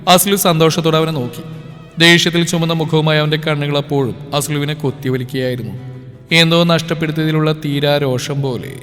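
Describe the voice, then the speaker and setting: A male narrator tells an audio novel in a steady, measured voice. His voice sits somewhat high for a man. Long reverb and soft background music surround it.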